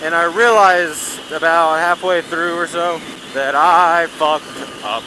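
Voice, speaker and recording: Male motovlogger, fairly high voice, loose sweary delivery from inside a helmet, clear engine noise throughout. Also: steady tone, slow. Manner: talking from inside a motorcycle helmet; heavy casual swearing, blunt. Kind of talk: casual rambling vlog chat while riding. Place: outdoors on a moving motorcycle. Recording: loud engine and wind noise. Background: engine, vehicle and road noise.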